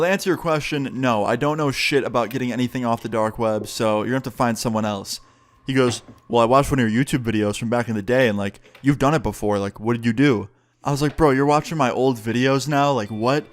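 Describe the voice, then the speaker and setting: A young man recounting a personal story in a loose, conversational way. He swears freely and plays out both sides of each exchange, at an ordinary pitch for a man. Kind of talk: casual storytime narration.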